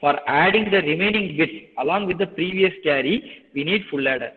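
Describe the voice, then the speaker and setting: A man's voice: high voice, quick pace. A male lecturer with a Tamil Indian accent, heard through a thin, phone-like connection with long hollow reverb. He is a native Tamil speaker who explains step by step, repeating himself and checking in with students. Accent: Tamil Nadu, Indian. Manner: repetitive, explanatory, switching between Tamil and English. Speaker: engineering lecturer teaching an online class. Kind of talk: live lecture with frequent check-in questions.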